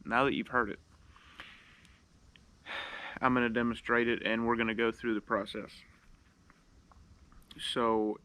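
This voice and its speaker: A man's voice: medium pitch, little pitch movement, unhurried, long pauses, sharp tone, smooth. A man giving a casual, plain-spoken how-to tutorial, showing each step and repeating the key points. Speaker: duck call instructor.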